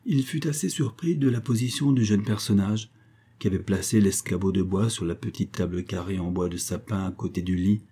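A man narrating a novel as an audiobook reader in a measured, even way. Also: on the low side, slightly rough.

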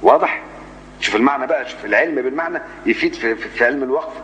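A man with an Egyptian accent, a sheikh giving a mosque lesson on the Quran, animated, firing rhetorical questions and slowing down to recite verses. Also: medium pitch, big-room sound. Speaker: sheikh teaching Quran sciences. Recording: dull lo-fi 1980s tape with faint hum.

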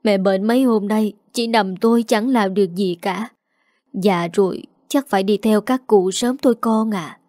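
A woman's voice: medium pitch, moderate pace, a little mellow, no room sound, studio quality, lightly acted. Woman reading a weepy ailing old mother-in-law. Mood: tearful. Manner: weepy, pleading. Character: ailing, self-pitying mother-in-law near sixty.

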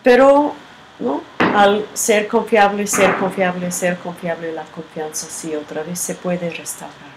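A woman giving a reflective teaching talk with a personal story. She speaks in a halting, unhurried way and often ends with a questioning tag. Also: lowish voice, fairly even intonation. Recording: background noise.

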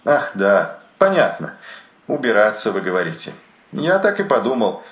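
A man's voice: lowish voice, sing-song, normal speed, roomy sound, pitched above the performer's own voice. A man voicing a dazed, rambling sailor trapped below deck, chattering in a detached, dreamy way in an audiobook. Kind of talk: audiobook narration.

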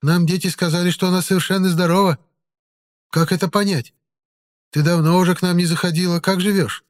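A man's voice: high voice, steady tone, brisk, voice pushed up, lightly acted. A male narrator voicing a gossipy baker's wife of about fifty who chatters nosily in a raised voice in an audiobook. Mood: gushing.

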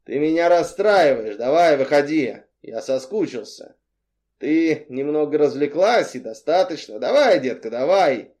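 A menacing, smug crime boss, as a man reads him in an audiobook calls out in a slow, drawn-out, mock-tender croon. The voice sits a little high and pushes loud. Its tone stays mellow under the gloating. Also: lively intonation. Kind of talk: audiobook character reading.

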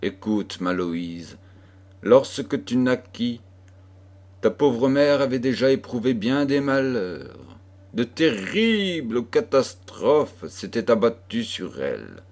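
A man voicing a troubled mother who speaks gravely and sorrowfully to her daughter, in an audiobook. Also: medium pitch, sing-song, slow, darkish tone, heavily acted. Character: grieving, troubled mother with a dark secret.

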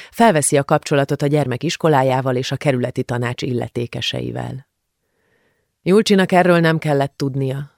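Calm woman reading an audiobook. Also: sits low, no room sound, clean studio sound. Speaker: audiobook narrator. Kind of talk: scripted narration.

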